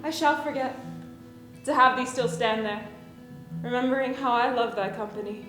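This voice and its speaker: A woman's voice: a little high, normal speed, a bit bright, roomy sound, soft background music, close to an everyday voice. A woman playing a lovestruck, playful, eager young maiden in theatrical Shakespearean verse. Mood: eager, longing. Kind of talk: theatrical Shakespearean stage acting.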